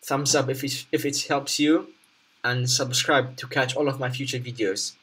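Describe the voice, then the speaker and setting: A man with a mid-pitched voice presents a software tutorial without a script. He moves through each step haltingly, often repeating or rewording an instruction as he explains what to do on screen. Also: steady tone, breathy edge, poor audio.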